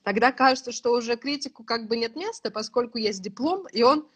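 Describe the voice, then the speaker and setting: A woman in her thirties who teaches a writing course explains things at length in a casual, thoughtful conversation, laughing now and then. Her voice is a little high and slightly rough, and she talks in an animated, brisk way.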